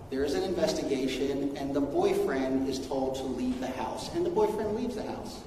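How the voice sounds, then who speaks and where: A man's voice: on the high side, mellow. Man, councilman, rhetorical questions, hearing-room recording, very echoey, faint background hiss. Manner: rhetorical, posing many questions. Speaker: city councilman chairing a hearing. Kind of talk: opening remarks at a public hearing. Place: large council hearing chamber. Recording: echoey hall from far off.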